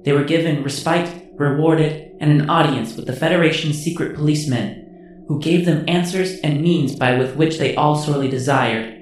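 A man voicing a computer system that recaps stored memories in flat, announcing narration. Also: a little high, voice pushed up, natural voice. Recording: heavy echo, faint noise.

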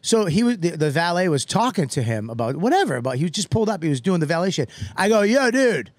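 A man hosts a comedy podcast, spinning a profane story and playing every person in it. His voice sits high and swings widely. The sound is close and dry, with no room around it. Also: quick pace, dry recording. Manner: animated, profane, acts out other people's lines. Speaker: podcast host.

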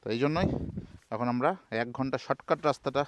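A man, narrating a travel vlog in a chatty, excited way as he drives through hill villages. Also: mid-range voice, brisk. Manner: chatty, excited about scenery. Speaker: travel vlogger. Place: outdoors on a road trip, in and around a car. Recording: noisy outdoor recording with traffic.

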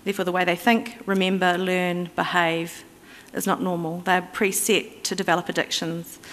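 A woman's voice: fairly low pitch, flat delivery, normal speed, fairly bright tone, slight background noise. A woman giving a conference presentation in an explanatory, conversational way, with fillers and restarts. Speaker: conference speaker. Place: conference hall. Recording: reverberant conference hall.

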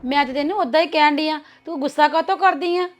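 A young actress playing a cautious, gossiping elder sister-in-law who talks in a confiding manner. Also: female voice, high-pitched, fast, loud music behind the voice, close to an everyday voice. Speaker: actor. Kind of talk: web series drama acting.

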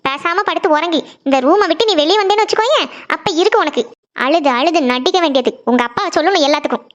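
A woman's voice: very high-pitched, expressive, fast. A woman voicing a worried, strict mother of a teen girl in a cartoon, with a scolding, anxious manner. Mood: stern.

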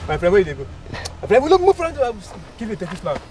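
Very high, bossy Nigerian policeman. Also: wildly swooping pitch, racing, dark tone. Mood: stern, bossy. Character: bossy, suspicious male police officer. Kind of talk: screen comedy acting. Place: outdoors on a roadside.

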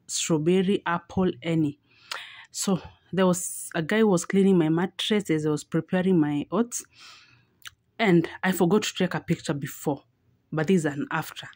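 A woman's voice: fairly low pitch, warm tone, dry recording. A woman in her thirties, from Kenya, narrating her weekly home vlog in a chatty way and often repeating words for emphasis. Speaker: vlogger. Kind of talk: casual vlog voice-over. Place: home kitchen, indoors.

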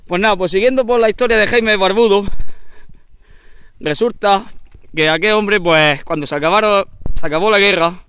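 A man with a Spanish accent from Spain telling an old local tale outdoors in the hills. His voice sits a little high, bright and very clear. He rambles and jokes as he goes, with plenty of fillers. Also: moderate pace, no echo. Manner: rambling, joking, full of fillers. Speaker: mountain biker telling a local legend. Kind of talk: casual storytelling.

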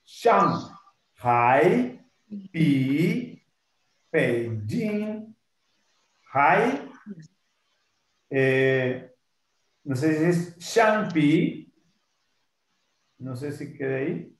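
A man's voice: on the high side, sing-song, drawn-out words, long pauses, roomy sound. A man taking an online Mandarin lesson as a student, speaking hesitantly and trying the words again and again.

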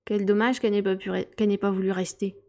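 A woman's voice: medium pitch, flat delivery, fast, a little mellow, close to an everyday voice. Woman reading a courteous, fussy bird. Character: fussy, polite parrot-like bird.

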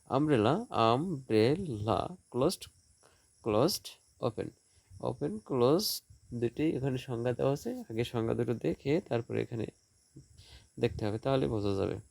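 A male teacher giving a school lesson, sounding out example words slowly, with a Bangladeshi Bengali accent. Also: mid-range voice, animated, gravelly, a little mellow, no echo. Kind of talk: classroom lesson for school students.

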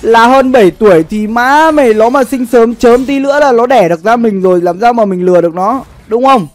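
A young man with a very high-pitched voice chats casually on a gaming livestream from his indoor setup, talking a little fast. He's slangy and sweary, often repeating phrases while commenting on the game.

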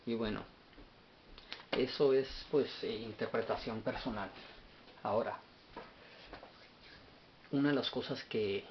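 A man's voice: mid-range voice, slow pace, long pauses. A man giving an unscripted Bible study lesson, often stopping and repeating words as he searches his notes. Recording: dull lo-fi sound with faint hiss.

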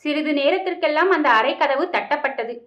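Female narrator for a historical novel reading; steady, expressive, high-pitched; muffled, lo-fi recording. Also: brisk.

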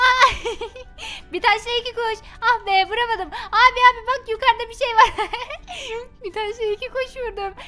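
A woman's voice: very high voice, steady tone, moderate pace, pushed and bright. A woman voicing a mischievous little girl in a game role-play, giggly and teasing. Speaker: Minecraft roleplay YouTuber.

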